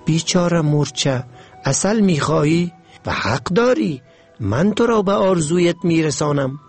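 A man's voice: fairly high pitch, lively intonation, soft background music, pitched above the performer's own voice. A man voicing a sly, friendly-seeming male fly who coaxes in a sympathetic tone. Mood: coaxing.

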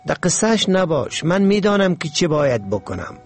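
Man doing a shrill greedy ant. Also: big pitch swings, faint music behind. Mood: scornful. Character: greedy stubborn male ant craving honey.

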